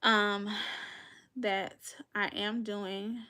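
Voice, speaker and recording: A woman in her thirties with a North Carolina Southern accent hosts a casual podcast livestream, chatting straight to viewers, calling them y'all, and laughing often. Her mid-range voice is clear and resonant with a sharp edge, shows little pitch movement, and stretches words out.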